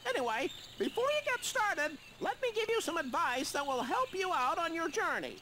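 A man's voice: very high voice, sing-song, normal speed, very noisy. An actor playing a helpful, eccentric male cartoon bird inventor giving tutorial advice in a video game. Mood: cheerful, instructive. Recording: game audio with loud music.

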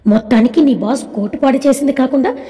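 A woman's voice: sits high, fast talker, mellow, close to an everyday voice. A woman voicing an easygoing young man who jokes and pleads with his friend. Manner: good-humoured, pleading, joking. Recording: echoey room with long reverb.

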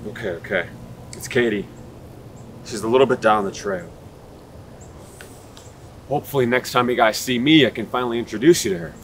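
A man's voice: medium pitch, brisk, pauses often, lightly acted. A young man playing an amateur filmmaker in a found-footage film, talking casually to viewers on a wooded trail. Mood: casual, reassuring. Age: young adult. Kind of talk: found-footage film acting, addressing camera. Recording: noisy outdoor camera sound.

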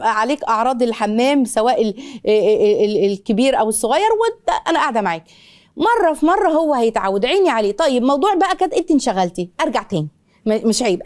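Egyptian woman, middle-aged, talks super fast and high, jumps into playful voices, advice show host. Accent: Egyptian Arabic. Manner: rapid animated talk with playful voices and many restarts. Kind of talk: live advice show answering viewer questions.

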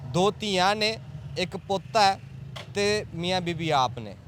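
A man's voice: high voice, lively intonation, slow pace, a bit bright. A man reporting from a street at night for a news channel, earnest and emotive, asking rhetorical questions before interviewing people. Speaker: field reporter. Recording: faint traffic noise outdoors.

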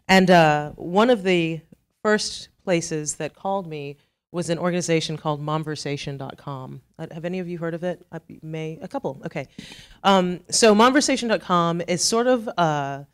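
At a conference hall, a middle-aged speaker from Trinidad talks in a low, clean-toned voice with a Trinidadian accent. She's chatty and pokes fun at herself, drifting into frequent asides.

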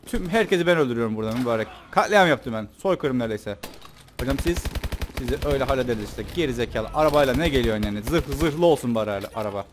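A young man giving joking, excitable commentary while playing a shooter game, swearing and yelping in fights. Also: mid-range voice, quick pace, a little hiss or hum. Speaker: gameplay commentator. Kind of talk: let's play commentary. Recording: game audio with gunfire behind. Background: gunfire and game sounds.

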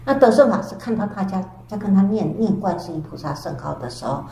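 An older woman, a Buddhist nun, giving a storytelling dharma lecture with drawn-out sentence particles. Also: medium pitch, lively intonation, gravelly, warm tone. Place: temple lecture hall. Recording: echoey hall with faint background hiss.

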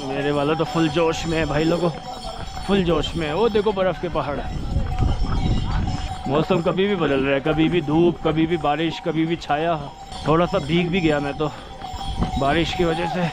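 A man's voice: a little high, steady tone, moderate pace, music in the background. Chatty young man vlogging outdoors. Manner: chatty, exclaims often. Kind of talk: casual travel vlog narration. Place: outdoors on a mountain trek, on horseback.

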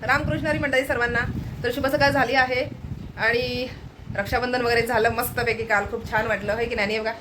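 A woman's voice: fairly high pitch, steady tone, a little fast, noisy background. A young woman chatting casually to viewers in a home vlog, pointing things out as she goes. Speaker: vlogger.

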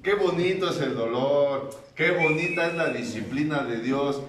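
A Mexican man delivers a crude, comic recovery-meeting testimony, mocking and preachy. His voice sits somewhat high, and he slips into whiny, higher voices to mimic others. The mic is at a distance in a reverberant room. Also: animated, a little slow, noisy background. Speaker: speaker at a recovery group meeting.

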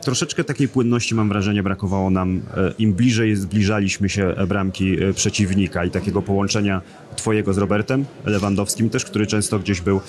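Young male reporter, lowish voice, chatty post-match questions, handheld mic. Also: fairly even intonation, fairly quick, a little mellow. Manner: conversational, leading questions. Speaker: sports reporter. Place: stadium mixed zone by a sponsor wall. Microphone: handheld broadcast mic.

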